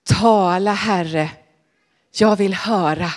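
A woman's voice: mid-range voice, lightly acted. A woman voicing a young boy, eager and obedient, in a long-reverb hall. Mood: earnest.

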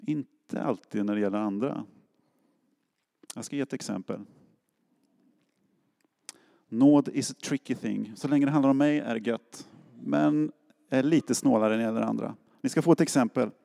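A man's voice: medium pitch, vocal fry, long pauses, mellow. A middle-aged man from Sweden preaching a sermon as a pastor, in a casual storytelling way that acts out quotes. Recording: long hall reverb.

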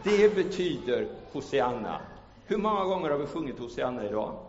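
A man's voice: medium pitch, big pitch swings, crowd noise, background noise. Dramatic male pastor preaching in an echoey hall. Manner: dramatic, swings from hushed storytelling to loud calls. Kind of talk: sermon. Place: church hall. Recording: echoey church hall, dull lo-fi sound.

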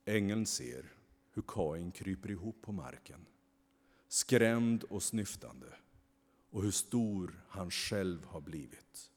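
A man narrating a storybook in a calm, even reading voice, with a long hall reverb. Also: on the low side.

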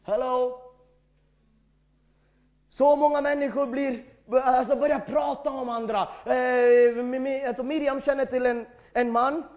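High-voiced emphatic male preacher. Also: little pitch movement. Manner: emphatic preaching, swings between shouting and quiet. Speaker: pastor. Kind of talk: sermon.

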